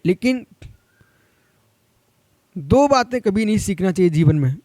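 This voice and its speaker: A man's voice: high voice, expressive, measured pace, dark tone, dry recording. A man, a Jain monk, giving a sermon in an admonishing, direct way, rising sharply when he urges his listeners on.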